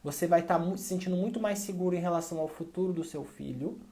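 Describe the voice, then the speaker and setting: Man from Brazil, warm low-key tone, chatty parenting advice, keeps checking the listener follows. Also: fast. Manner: conversational, checks in with frequent tag questions. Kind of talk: direct-to-camera advice talk.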